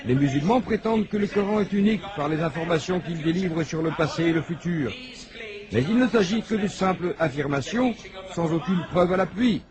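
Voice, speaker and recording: A man with a high voice reads scripted didactic narration. He is formal and declarative, setting out points in order, with a crowd-like murmur behind him. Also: animated, a little fast.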